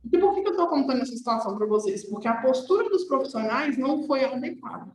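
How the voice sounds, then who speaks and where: High-voiced woman teaching a nursing class. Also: expressive, quick pace, a little mellow, roomy sound, low-quality recording. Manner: conversational, checks with "tá?". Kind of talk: online class lecture.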